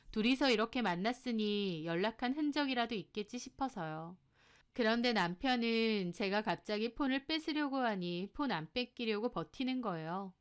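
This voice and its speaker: A woman's voice: a little high, clear, resonant tone. A woman narrating a dramatic first-person story in a scripted storytelling style.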